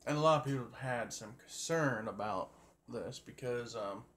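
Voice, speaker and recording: A man's voice: mid-range voice, moderate pace, fairly bright tone. A man chatting casually and folksily to his viewers, rambling along in a colloquial way into a phone. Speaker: livestream host. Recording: noisy phone recording with background ambience.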